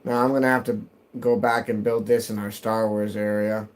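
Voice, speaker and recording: A man's voice: lowish voice, flat delivery, normal speed. A man in his thirties chatting casually while gaming on a live stream, answering chat and muttering to himself as he plays, from his home basement.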